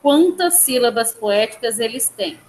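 A woman's voice: fairly high pitch, expressive, a little slow, a little mellow. A woman teaching a language class online, explaining step by step, counting syllables aloud and checking in with her students. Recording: echoey room, faint background noise.

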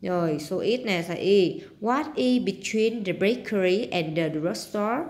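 The woman's medium-pitched voice is animated, a little slow and darkish in tone. As a teacher with a Southern Vietnamese accent, she walks through homework step by step, translating English words and finishing sentences with particles.

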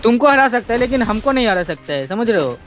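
A young man commentating a mobile shooter game with a teammate, excitable and repetitive, slipping English into his speech. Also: very high-pitched, quick pace, dull audio, over music. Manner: excitable, repeats words, mixes English. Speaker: gaming channel host.

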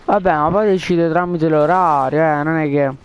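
A man's voice: on the high side, normal speed, smooth. A man chatting casually over a game headset, rambling with lots of fillers and coaxing a friend during a prank. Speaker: gaming video creator. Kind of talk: casual gaming chat and prank.

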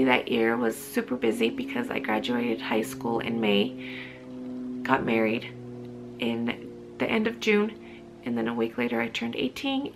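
A woman in her thirties talks casually to camera from her living room sofa, rambling with frequent restarts and ums. Her voice sits a little high and carries a heavy gravelly fry. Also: a little hiss or hum, poor audio. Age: 30s. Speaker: vlogger.

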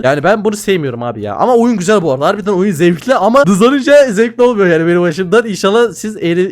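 Frantic fast-talking young man gamer. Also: sits high. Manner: rapid, frantic, yells and swears when robbed. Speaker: gaming channel host. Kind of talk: excitable game commentary.

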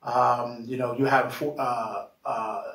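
A man talking earnestly in a casual discussion, halting with many fillers as he recalls an experience. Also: mid-range voice, level tone, fairly bright tone. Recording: roomy echo, mic at a distance.

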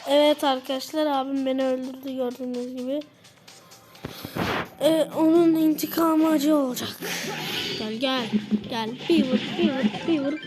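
A young girl hosting her gaming channel, commenting casually and excitedly as she plays against her brother. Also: sits high, low-quality recording. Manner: excited, taunting during play. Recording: game music playing behind the voice.

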